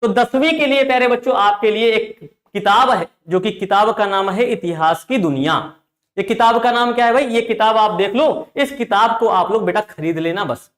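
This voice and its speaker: At a normal speed, a man with a high, fairly bright voice addresses students in an online class, and the recording sounds roomy. This tutor is emphatic, repeats his phrases, and often refers to listeners as "dear children".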